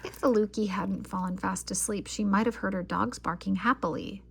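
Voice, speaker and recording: A woman reading a children's picture book aloud as an expressive storyteller. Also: medium pitch, normal speed, gravelly, slightly rough.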